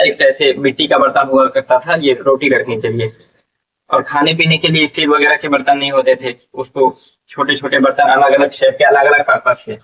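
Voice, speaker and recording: A man teaching an English vocabulary lesson, explaining slowly and repeating each word, asking questions and answering them himself. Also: mid-range voice, a bit bright, distant mic, lo-fi sound.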